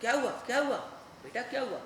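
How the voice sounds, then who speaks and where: A gentle village mother, worried for her son and soothing in tone, as a man puts her on. The voice sits high and bright. It carries in an echoey room with faint ambience. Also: sing-song, fast, recorded from a distance, slight background noise. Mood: tender.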